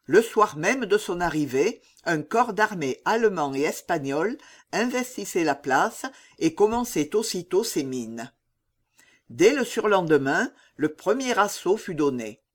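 A narrator reading a historical novel in a measured, dramatic way. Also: medium pitch. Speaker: audiobook narrator.

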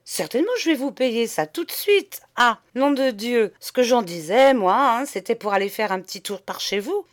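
A loud, swaggering middle-aged master of the house, voiced by a woman reading a storybook. He brags, curses and raises his voice high and strong in an audiobook reading. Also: measured pace. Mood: blustering. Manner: loud, swaggering, swears freely.

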